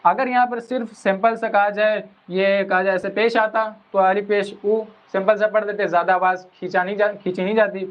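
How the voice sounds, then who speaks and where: A man teaching a Quran reading lesson, explaining patiently and drawing out each sound slowly as he spells it. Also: high-pitched, flat delivery. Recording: dull lo-fi recording.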